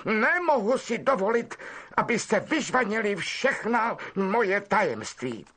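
Lockhart, a man doing a vain, high wizard professor. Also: big pitch swings, pushed and bright, husky, exaggerated voice. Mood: smug. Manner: affected, drawn-out, self-pleased. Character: vain evasive middle-aged male wizard professor.

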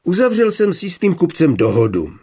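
A shrewd young glassmaker bargains coolly and confidently, as a man reads him. His voice is gravelly and a little husky, in an audiobook reading. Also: sits high, pitched above the performer's own voice, exaggerated voice. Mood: calm. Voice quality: calm, measured.

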